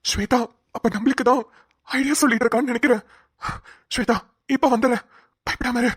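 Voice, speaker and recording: A woman's voice: fairly high pitch, steady tone, fairly quick, husky, no echo, studio quality. A woman voicing a worried young man in a cartoon, calling out urgently over the phone. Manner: urgent, worried, repeating the name. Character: young male hero, anxious on a phone call. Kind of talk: cartoon voice acting.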